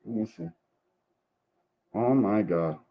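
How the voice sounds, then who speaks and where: On a muffled, lo-fi livestream, a podcast host with a lowish voice talks slowly. He vents casually and bluntly, swearing heavily and airing grievances.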